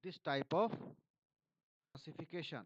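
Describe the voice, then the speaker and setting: Teacher, male, Indian English accent, slightly high voice, walks through editorials line by line, dull dry recording. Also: moderate pace, dry recording. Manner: reads passages aloud then explains word meanings. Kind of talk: editorial analysis lesson.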